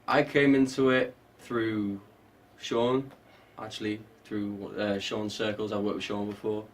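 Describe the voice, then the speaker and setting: Easygoing actor chatting off-mic. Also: male voice, on the low side, little pitch movement, distant mic, slight background noise. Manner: easygoing, halting, many fillers. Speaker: actor guest. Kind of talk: casual interview chat.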